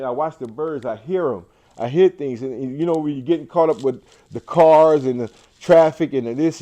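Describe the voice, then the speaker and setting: A man's voice: on the high side, warm tone. A man and cancer survivor giving an inspirational, faith-driven talk to an audience indoors. He is emphatic, repeats his phrases and often restarts. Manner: faith-driven, preacher-like delivery.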